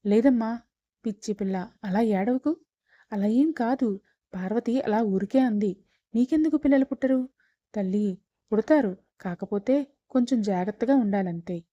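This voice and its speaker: An elderly grandmother, gentle but firm in how she speaks, voiced by a woman storyteller. The tone is mellow, and the recording is dry and a touch dull. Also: fairly high pitch, moderate pace, pauses often, no echo, lightly acted. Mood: soothing. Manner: soothing, then stern.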